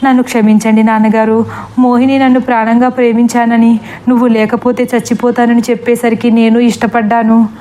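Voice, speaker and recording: A woman's voice: fairly high pitch, little pitch movement, fairly quick, dark tone, slight background noise, lightly acted. A woman voicing a guilty young man who begs his parents tearfully, in a storybook reading. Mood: pleading. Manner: tearful, pleading.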